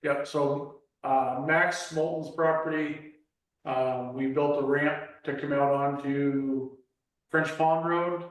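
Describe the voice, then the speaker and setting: A man giving a club treasurer's and trail report at a meeting, reading figures slowly with many fillers. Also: a little high, fairly even intonation. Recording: echoey room, mic far off.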